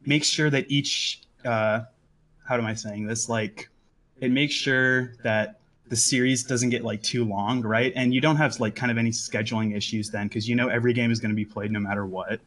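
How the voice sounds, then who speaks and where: A man calls in to a live show and explains his view. He hesitates and thinks aloud, filling gaps with "uh" and "like." His voice sits at an average pitch for a man. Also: steady tone, moderate pace, a bit bright. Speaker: caller. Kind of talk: casual call-in.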